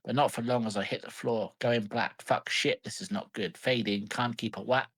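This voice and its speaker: A man's voice: medium pitch, fairly even intonation, normal speed, a bit bright, husky. A man reading fanfiction aloud in a mock-dramatic voice and joking about it as a podcast host. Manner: reads in a mock-dramatic voice, swears, laughs. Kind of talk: comic dramatic reading and banter.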